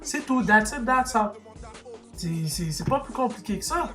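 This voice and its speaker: A man's voice: high-pitched, animated, moderate pace, sharp tone, soft background music. A man from Quebec with a Québécois French accent, delivering a heated opinion rant to viewers, arguing and restarting sentences as he goes. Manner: impassioned, argumentative, full of restarts and asides. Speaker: vlogger.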